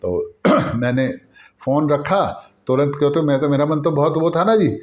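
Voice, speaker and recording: A man's voice: a little high, animated, moderate pace, muffled recording. A man who narrates a family story in the first person in a conversational way, with fillers and restarts.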